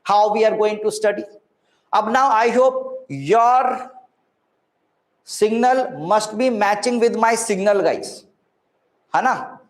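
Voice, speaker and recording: Speaking slowly and pausing often in a high-pitched voice, this Indian-accented man runs an interactive online physics lesson. He mixes Hindi into English, says things more than once and keeps checking that his students are following, all in an echoey room.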